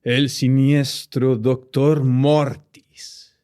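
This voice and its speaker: A man playing a sinister undead villain doctor from a horror radio play, husky voice and pompous, gloating, mock-courteous manner. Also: medium pitch, little pitch movement, very slow, dark tone. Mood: ominous. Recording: music behind the voice.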